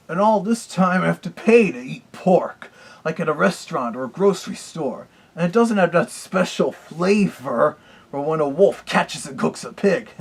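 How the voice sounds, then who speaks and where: A man voicing a boastful cartoon wolf villain who reviews old read-alongs, chatting in a gravelly, chuckling way. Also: on the high side, exaggerated voice. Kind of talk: comedic character review.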